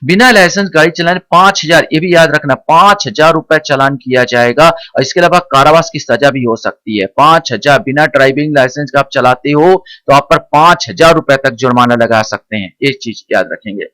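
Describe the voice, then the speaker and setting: A male teacher giving an exam-prep lecture, explaining slowly and repeating key points as he quizzes the listener. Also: on the high side, bright, forceful tone, no echo. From India.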